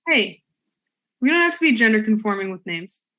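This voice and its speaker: A woman's voice: mid-range voice, very animated, fairly quick, pushed and bright. A woman chatting casually as a player in a tabletop role-playing game.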